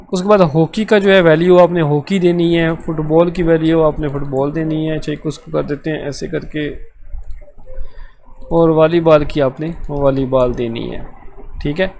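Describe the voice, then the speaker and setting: A man with a Pakistani Urdu accent leads a live online coding lesson, patiently explaining each step and checking in with his students after almost every phrase. His voice sits a little high for a man. A faint hiss runs behind him. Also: darkish tone. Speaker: programming tutor. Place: live online class session.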